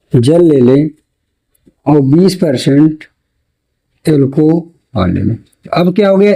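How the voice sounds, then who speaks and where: A man teaching a chemistry lesson for board exams, posing questions to the class and answering them himself, repeating key terms slowly. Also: on the high side, mellow, low-quality recording. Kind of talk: classroom lecture for board exam.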